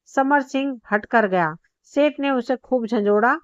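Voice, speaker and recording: A woman's voice: fairly high pitch, unhurried, no echo. Woman storyteller, chatty folk tale narration, dry close sound, slightly dull lo-fi recording. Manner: chatty, addresses listeners as friends.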